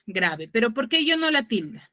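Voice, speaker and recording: A woman teaches an online class over a video call, her voice pitched a little high and strikingly bright. She checks understanding with frequent tag questions and corrects herself mid-sentence, and the sound is close and dry. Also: very animated, moderate pace, no echo.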